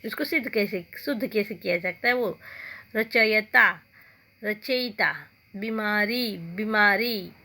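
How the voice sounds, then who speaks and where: A woman teaching a school grammar lesson, reading out letters and words slowly and saying each one twice. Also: mid-range voice, bright, forceful tone. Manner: slow, deliberate, repeats each word twice.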